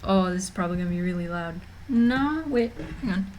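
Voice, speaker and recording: Feeling a little queasy, a young woman livestreams from her home room, chatting loosely, rambling, and restarting often amid lots of fillers. Her fairly low voice is lively, slightly fast, and a bit mellow. A faint hiss or hum is present.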